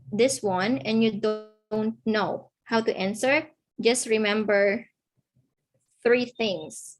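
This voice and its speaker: Her voice is on the high side and a bit bright. Teaching a lesson online, she goes slowly and patiently, repeating key words and asking "okay?" after every point.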